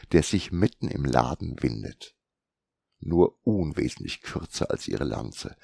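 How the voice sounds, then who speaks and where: A man narrating an audiobook fantasy tale in a steady storytelling manner. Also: very deep voice, gravelly, slightly rough, no echo.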